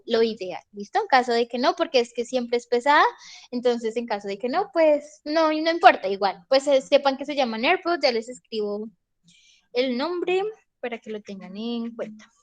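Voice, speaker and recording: A woman's voice: a little high, expressive, normal speed. A young woman teaching an online English class, patiently checking in with her students. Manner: patient, checks in with "¿listo?" often.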